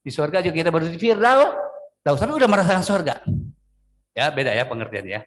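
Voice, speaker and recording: A male pastor with an Indonesian accent preaches a sermon, swinging between loud, emphatic lines and quieter, drawn-out phrases. His delivery is animated, with sudden pitch swings and stretched words.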